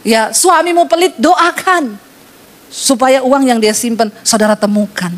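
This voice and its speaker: High-voiced woman preaching a lively sermon. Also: a little slow. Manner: lively storytelling preaching, teasing the congregation. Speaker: pastor.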